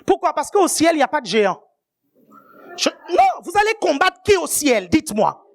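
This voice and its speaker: A woman delivering a sermon in a high, bright voice. She speaks with force and keeps checking that the congregation is still following. At key points she rises to shouted emphasis. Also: very animated, moderate pace, vocal fry. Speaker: preacher.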